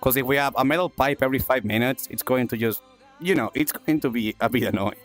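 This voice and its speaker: A South American man hosts a livestream, talking fast in a mid-range voice over soft background music. Upbeat and casual, he warmly thanks viewers and repeats phrases, coughing now and then from chest congestion.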